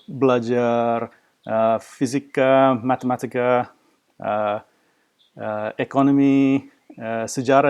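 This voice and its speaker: Halting Australian man speaking as a foreigner. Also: medium pitch, a little mellow, smooth. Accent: Australian-accented Indonesian. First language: English. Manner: foreigner speaking a learned language, halting, hesitant, searching for words. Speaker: language teacher. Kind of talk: unscripted personal talk, like an oral interview answer.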